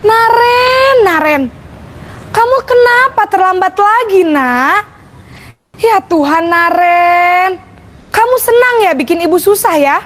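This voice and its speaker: A woman acts out a schoolteacher whose voice sits very high and thin, snapping sarcastic reproaches and then sighing heavy, pleading complaints. It is a staged classroom role-play for a teacher-training video, with a nagging, exasperated edge throughout. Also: lively intonation, unhurried, bright, forceful tone, a little hiss or hum, full character voice. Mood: guilt-tripping. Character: stern then guilt-tripping female schoolteacher.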